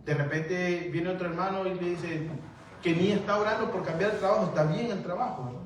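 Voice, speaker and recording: A man preaching in a loose, chatty way, often turning to his listeners as brothers and playing out small back-and-forth scenes. His voice sits a little high and comes from well off the mic, in a very echoey hall with faint room noise behind it. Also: steady tone, a little fast, recorded from a distance. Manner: keeps addressing listeners as "hermano", acts out dialogues. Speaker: pastor. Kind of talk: conversational sermon.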